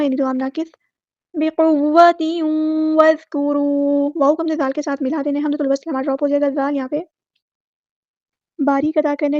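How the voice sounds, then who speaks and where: A woman teaching tajweed, explaining pronunciation rules patiently and step by step, with slow drawn-out recited words between her explanations. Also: sits high, dark tone, no echo. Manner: patient, repetitive step-by-step instruction. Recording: dry, slightly dull recording.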